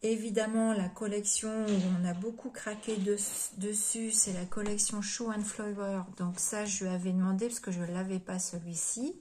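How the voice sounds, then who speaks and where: A woman craft vlogger chatting casually as she shows things off, gushing with repeated praise and often dropping to soft whispers. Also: medium pitch, steady tone, moderate pace, hardly any pauses, a little hiss or hum. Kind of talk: casual show-and-tell chat.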